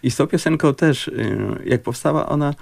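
A man with a gravelly, creaky voice talks over his composing work in a halting, thoughtful way, filling pauses with small hums. The sound is close and dry, with no room around it. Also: fairly high pitch, no room sound. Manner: thoughtful, halting with many fillers. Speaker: composer and musician. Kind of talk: casual interview talk.

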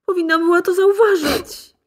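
A woman's voice: very high voice, steady tone, normal speed, darkish tone. A woman playing a shocked, desperate mother. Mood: tender. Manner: pleading, tearful. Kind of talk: radio drama acting.

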